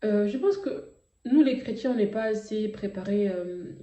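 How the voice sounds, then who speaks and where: A woman's voice: mid-range voice, normal speed, warm tone, reverberant, lo-fi sound. A woman sharing an emotional personal testimony, hesitant, with many fillers and restarts. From Africa.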